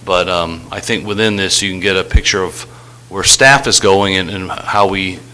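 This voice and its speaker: A man giving a formal slide presentation as a city staff director, in a halting, hesitant way. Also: sits low, bright, forceful tone. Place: public meeting room. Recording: faintly noisy meeting room recording.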